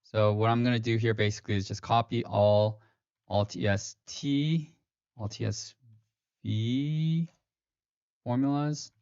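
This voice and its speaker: Hosting a finance livestream, a man speaks in a medium-pitched, steady, darkish voice that is clean in tone, a little slow, and full of pauses. He's casual, using many fillers and correcting himself, and sounds slightly robotic over his streaming mic. The lo-fi stream audio is dull and dry, with no echo.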